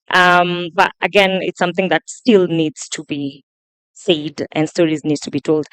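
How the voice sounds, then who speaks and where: A woman in her thirties moderates a live panel, passing on audience questions with plenty of "um"s. Her voice is smooth and mid-pitched. The sound is dry and close. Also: no room sound. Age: 30s. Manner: warm-up fillers, relaying questions.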